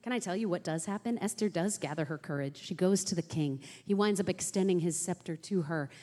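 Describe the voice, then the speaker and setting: A woman preaching a sermon, telling a story in a conversational, animated way and putting direct questions to her listeners. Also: on the low side, a little fast. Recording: hall reverb.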